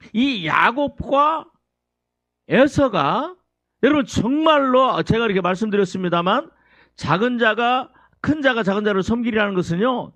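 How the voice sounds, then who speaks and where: A pastor with a high, animated male voice delivers a sermon, preaching energetically and throwing rhetorical questions at the congregation. The recording has no echo.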